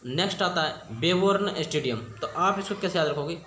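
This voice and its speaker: A man's voice: a little high, animated, normal speed, fairly bright tone, a little hiss or hum. A young man teaching exam memory tricks in a casual, chatty way, often asking the viewer questions and checking they follow. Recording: echoey room with faint ambience.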